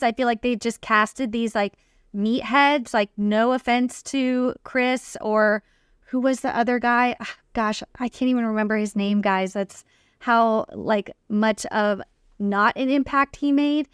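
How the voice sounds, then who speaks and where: A woman with a smooth, clear and slightly high voice co-hosts a reality TV recap. She gives casual, opinionated commentary in slangy phrasing, with a dry, close sound. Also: unhurried, dry recording. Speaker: podcast co-host recapping reality TV.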